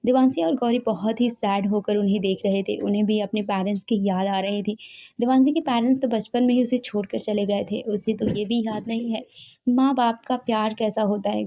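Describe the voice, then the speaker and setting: Woman narrator for a story channel; steady reading, mellow tone, lo-fi sound. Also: medium pitch.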